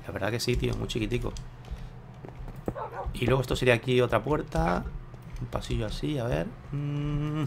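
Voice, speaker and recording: A man talks casually to his viewers while he plays, unsure and thinking aloud. His voice is gravelly at a middle pitch. Faint keyboard typing sits behind his desk mic. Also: background noise. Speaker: gameplay video host. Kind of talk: casual gameplay commentary.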